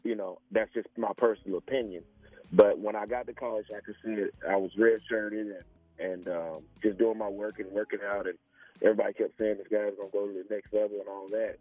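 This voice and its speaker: A man's voice: lowish voice, fairly even intonation, a little fast, no echo. A man in his forties from small-town Alabama with a Southern US accent, telling his story casually and often saying "you know.". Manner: conversational, peppered with "you know". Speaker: interview guest, former pro football player. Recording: tinny phone line, faint music.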